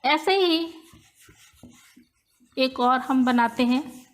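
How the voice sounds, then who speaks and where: A woman teaching a grammar lesson, walking through each rule step by step and repeating key points. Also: sits high. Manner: slow, repetitive step-by-step explaining. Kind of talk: whiteboard-style grammar lesson.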